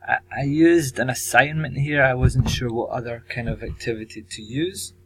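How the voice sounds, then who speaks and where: A man teacher presenting his language course tasks, measured and pausing often with ums. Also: mid-range voice, breathy edge, rough recording. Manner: measured, with frequent ums and pauses. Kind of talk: recorded presentation.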